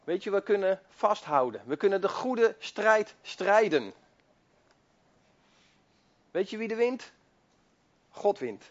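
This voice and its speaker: A man's voice: high-pitched, very animated, slow pace, pauses often, highs cut off. A man preaching a sermon with fervent, repetitive exhortation and rising emphasis.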